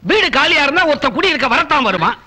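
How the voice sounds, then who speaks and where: A man's voice: extremely high pitch, very animated, quick pace, bright, forceful tone. A man acting in a Tamil film comedy scene, teasing and boastful, with sing-song calls.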